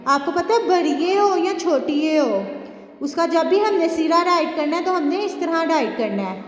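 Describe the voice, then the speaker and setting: A woman teaching a kindergarten reading class, slowly drawing out letter sounds and mixing in English. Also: very high voice, expressive. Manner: slow, drawn-out spelling of letters, mixing in English. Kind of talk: recorded classroom lesson. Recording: echoey room with long reverb.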